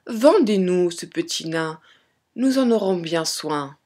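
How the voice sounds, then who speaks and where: A sly, greedy stranger on the road in a fairy tale, as a woman reader puts him on. He talks in a hushed, plotting way. The voice has a breathy edge. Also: lowish voice, animated, takes it slowly. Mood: coaxing.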